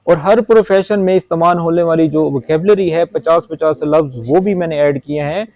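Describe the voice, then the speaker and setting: A man with a Pakistani accent teaching spoken Arabic in a casual Urdu lesson, explaining slowly and repeating words with chatty asides. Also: on the high side, darkish tone, lo-fi sound. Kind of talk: informal language lesson.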